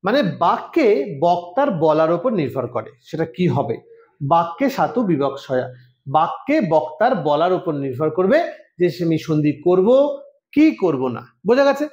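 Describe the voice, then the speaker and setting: A man's voice: on the high side, sing-song, moderate pace, a little mellow. A man teaching a Sanskrit exam-preparation lesson, explaining step by step and often checking that students follow. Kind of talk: online lesson. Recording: roomy echo.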